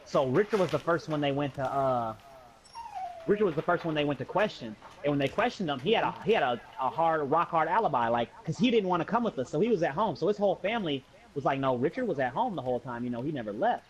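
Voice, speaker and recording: Speaking fast with lively intonation in a slightly high voice, a young American guy tells his friends a casual story full of slang. He acts out the dialogue, and the lo-fi recording is dull.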